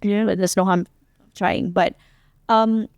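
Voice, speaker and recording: A woman's voice: medium pitch, steady tone, slow, no echo, muffled recording. A woman hosting a casual panel chat, encouraging and affirming her guests often. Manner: encouraging, lots of affirming backchannel. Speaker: host.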